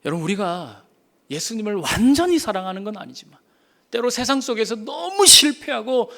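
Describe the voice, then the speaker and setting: A man's voice: extremely high pitch, sharp tone. A male pastor giving an emphatic sermon, telling a story and speaking straight to his congregation.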